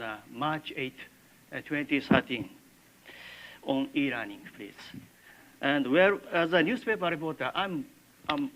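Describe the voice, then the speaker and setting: An older man with a Japanese accent gives a university lecture in halting English, with many filler pauses. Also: medium pitch, fairly bright tone, slight background noise, rough recording. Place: lecture classroom.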